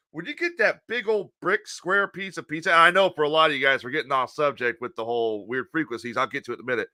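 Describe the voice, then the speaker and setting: A male podcast host telling a rowdy story in an animated way, laughing often and swearing freely. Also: fairly high pitch, no room sound, studio quality.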